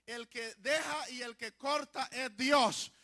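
A middle-aged man pastor preaching a fiery sermon that swells into shouted declarations. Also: extremely high pitch, fairly even intonation, takes it slowly, crowd noise.

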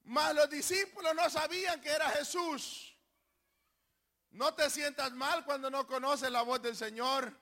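A male pastor preaching a sermon, speaking emphatically, now and then shouting key lines and urging the congregation to respond. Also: extremely high pitch, unhurried. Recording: long hall reverb.

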